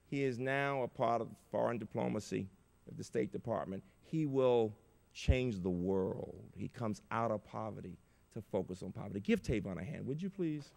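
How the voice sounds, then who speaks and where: An older man giving an inspirational keynote speech at a conference, telling stories with big emotional swings in loudness. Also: on the low side, expressive, normal speed, vocal fry. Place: large conference auditorium. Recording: reverberant conference hall.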